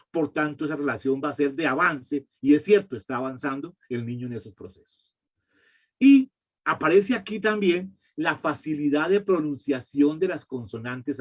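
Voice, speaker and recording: A man's voice: a little high, slightly rough. A literacy educator giving a slide-based lecture, explaining step by step and answering his own rhetorical questions. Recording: dull lo-fi recording.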